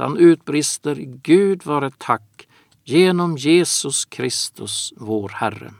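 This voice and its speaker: A man preaching a sermon in a slow, earnest manner, drawing out his phrases. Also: medium pitch, dry recording, studio quality.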